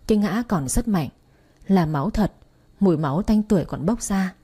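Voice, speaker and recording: Dark, husky woman narrating a story. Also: mid-range voice, lively intonation, normal speed. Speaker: audiobook narrator.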